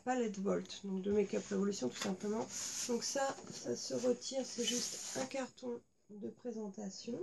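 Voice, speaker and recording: A woman talks casually at home, pausing often with fillers as she shows things. Her voice is gravelly and mellow, with a touch of fry. Faint noise hangs behind her. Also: fairly high pitch. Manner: chatty, many fillers, hesitant. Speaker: beauty vlogger. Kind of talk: casual unboxing chat. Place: indoors at home.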